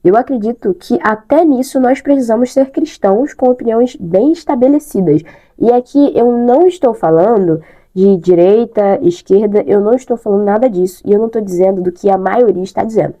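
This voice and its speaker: A woman's voice: a little high, brisk, mellow. A young Brazilian woman with a stuffy nose and a bad throat from sinusitis, chatting casually to camera and repeating words for emphasis. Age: young adult.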